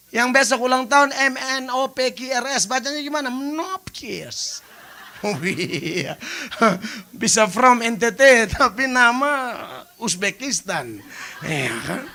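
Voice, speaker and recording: A man preaching a sermon as pastor, joking and animated, dropping in English phrases and shouting his punchlines. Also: very high-pitched. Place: church stage.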